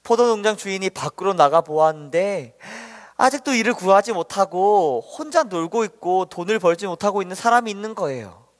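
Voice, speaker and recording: A man preaching a children's sermon, telling a story gently and asking the children questions. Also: sits high, lively intonation, brisk. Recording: long hall reverb.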